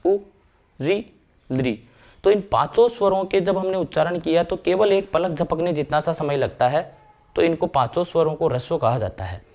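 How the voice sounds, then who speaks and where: A man explaining grammar step by step, slowing down to recite verses and sounds. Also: on the high side, darkish tone. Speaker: Sanskrit grammar teacher. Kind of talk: classroom lecture.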